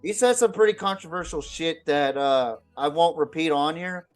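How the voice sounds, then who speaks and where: A man with a fairly high-pitched voice speaks at a moderate pace while hosting a casual football podcast with music behind him. Unscripted and blunt, he swears and frequently repeats words mid-thought.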